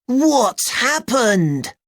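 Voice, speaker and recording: A woman's voice: very slow, no room sound, studio quality, exaggerated voice. A woman reading aloud and voicing an eager young boy in a storybook, in a raised childlike voice. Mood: puzzled. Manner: high, excited childlike delivery.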